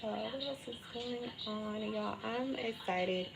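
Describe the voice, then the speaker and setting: A woman's voice: on the high side, takes it slowly. A woman chatting casually and candidly on a livestream from a hospital room, with everyday slang. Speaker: livestream host. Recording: clear beeping alarm noise, hospital room. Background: beeping medical pump alarm.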